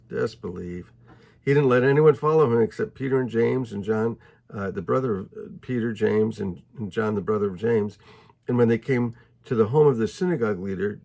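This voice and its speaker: Gravelly husky man retelling scripture. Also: mid-range voice, darkish tone. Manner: retells scripture conversationally, dropping to whispers for quoted thoughts. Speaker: Bible teacher. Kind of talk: informal Bible reading with commentary.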